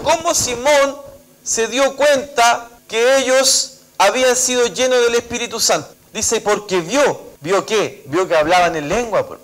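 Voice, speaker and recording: Chilean pastor preaching at a church service, male, high tenor voice, reads scripture aloud, acts out the dialogue, keeps saying amén. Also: a bit bright, low-quality recording. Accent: Chilean Spanish. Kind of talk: sermon.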